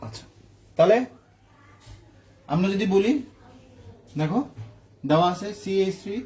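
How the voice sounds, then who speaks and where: A man with a high voice teaches a chemistry class, walking students through the steps. He asks a question and answers it himself, then checks that everyone is following. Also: a little slow, a little mellow. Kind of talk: classroom lecture.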